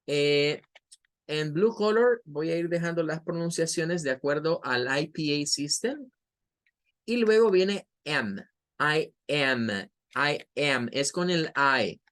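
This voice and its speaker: A man with a Latin American Spanish accent teaching a recorded online English lesson, patiently explaining and repeating words slowly for practice. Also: on the high side, lively intonation, fairly bright tone.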